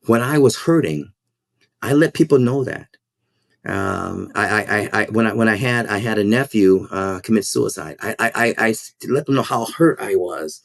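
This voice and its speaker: In studio-quality audio with no room sound, a low-voiced school principal and minister speaks in a podcast interview. He comes across as earnest and reflective, his speech halting, with words repeated while he gathers his thoughts.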